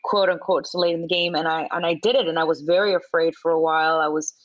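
A woman in her forties from Venezuela, a chef chatting as an interview guest, animated and laughing often, with lots of fillers. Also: low voice, fast, no echo, muffled recording. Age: 40s. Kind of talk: casual interview chat.

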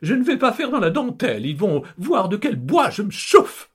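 A man voicing a bossy, excitable aristocratic countess who talks shrill and hurried. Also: breathy edge, heavily acted. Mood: fired up.

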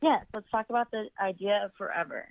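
A woman's voice: medium pitch, fairly quick, no echo. A woman calling in over the phone, chatting casually and hesitantly with lots of fillers. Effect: heard over the phone. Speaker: caller. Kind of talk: casual chat. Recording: dull muffled phone line.

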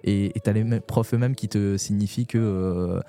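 A young man from France, a poet guest on a podcast, talking frankly and hesitantly in a casual conversation, with many pauses and restarts. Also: on the low side, fairly even intonation, mellow, faint music behind.

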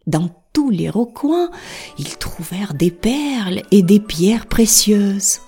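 A woman reading a fairy tale aloud in a soft, half-whispered narration. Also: mid-range voice, big pitch swings, slow, slightly rough, faint music behind. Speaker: storyteller.

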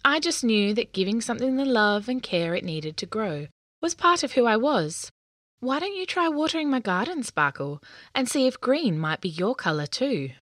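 A woman voicing a peaceful, gentle female unicorn in a storybook, speaking calmly and kindly. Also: on the high side, normal speed, no echo, studio quality, pitched above the performer's own voice.

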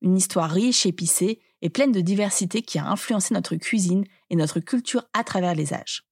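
Slightly husky woman narrating a documentary. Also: fairly low pitch, moderate pace, darkish tone. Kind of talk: scripted narration.

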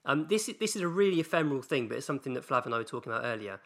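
Male co-host, quick and bright, earnest with mock indignation. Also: medium pitch, lively intonation. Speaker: podcast co-host. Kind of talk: casual chat. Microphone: remote video call.

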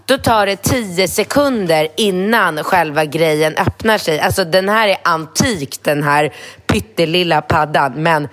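A woman with a somewhat low voice chatting on a podcast from her apartment. she tells stories animatedly and acts out her own quoted thoughts. her delivery is loose and casual. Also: faint music behind. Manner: animated storytelling with lively quoted asides. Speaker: podcast co-host. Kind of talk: casual chat.

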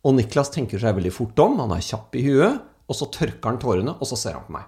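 A man tells casual anecdotes as a speaker, animated and acting out the people he quotes. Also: mid-range voice. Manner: animated storyteller, acts out quoted voices. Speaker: speaker telling stories.

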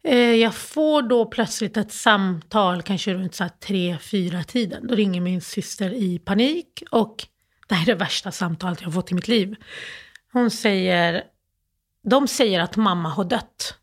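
Halting grieving woman telling her story. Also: medium pitch. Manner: halting, emotional, many restarts and fillers. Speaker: interview guest. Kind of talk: personal storytelling in an interview.

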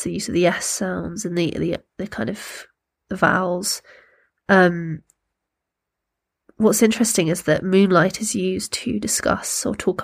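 A woman hosting a poetry workshop, speaking gently and thoughtfully, in a reflective style and without hurry. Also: fairly low pitch, gravelly. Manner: gentle, unhurried, thoughtful, pausing to find words. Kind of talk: reflective talk with slow poetry readings.

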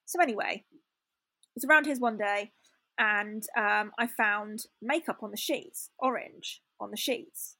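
A woman's voice: medium pitch, measured pace, pushed and bright, dry recording. A young woman telling a personal story in a candid, chatty way, full of fillers and restarts. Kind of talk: casual storytelling chat.

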